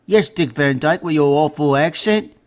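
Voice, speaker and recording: A man's voice: on the high side, normal speed. Sarcastic man hosting political commentary. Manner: mocking, deadpan jokes.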